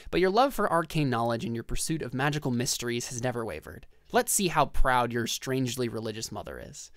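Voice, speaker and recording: A man's voice: medium pitch, expressive, a little fast, a bit bright, no echo. Casual male game master, dry close sound. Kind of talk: casual tabletop game narration.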